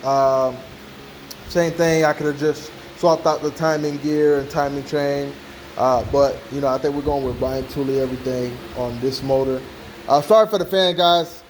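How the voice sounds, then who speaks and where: A man's voice: medium pitch, little pitch movement, normal speed, darkish tone, poor audio. An American man hosting a car-build vlog in an informal, conversational way, often checking in with the listener. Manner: informal, repeats "you know what I'm saying". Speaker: car-build channel host. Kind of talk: casual vlog walkaround. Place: hot car workshop with fan running. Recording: clear fan noise behind the voice.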